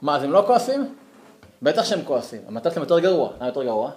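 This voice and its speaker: A man teaching a class with a bright, highish voice that leaps up and down as he acts things out. The room is echoey and reverberant around him. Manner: animated, acts out angry letters, jumps high in pitch. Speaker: Torah teacher. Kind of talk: lively classroom lecture.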